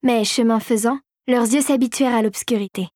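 A woman narrates a storybook in a calm, measured way. Her voice sits a little high for a woman. The sound is dry and close, with no room echo.

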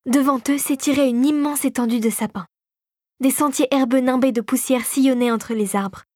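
A woman calmly narrating a storybook in a measured reading voice. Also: sits high, dry recording, clean studio sound.

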